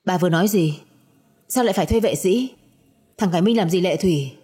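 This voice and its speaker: An older father in a narrated audio story, fiercely defending his daughter with stern, forceful words, as a woman reads him. The voice is low and mellow with a husky edge. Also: brisk. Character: angry protective grandfather, older man.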